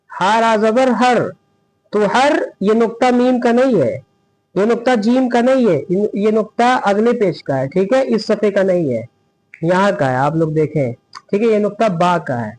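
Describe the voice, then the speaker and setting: A man teaching a Quran reading lesson, spelling out each syllable slowly and asking his students questions as he goes. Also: high voice, darkish tone, poor audio. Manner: patient, repeats each syllable and asks the class questions.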